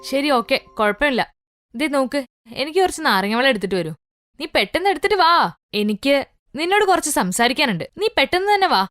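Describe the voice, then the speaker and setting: A woman's voice: sits high, very animated, brisk, fairly bright tone, dry recording, faint music behind. A woman voicing a vain, irritable rich young mother in a cartoon story, speaking sharply and bossily. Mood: commanding.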